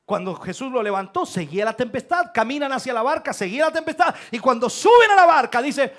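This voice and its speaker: A man from Chile, preaching a sermon in church with dramatic bursts of shouting. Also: very high voice, very animated, brisk. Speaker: pastor.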